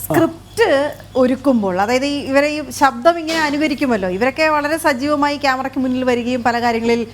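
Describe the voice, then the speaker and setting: Female TV co-host; high-pitched, rapid, articulate questioning. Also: slight background noise. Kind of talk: television interview hosting.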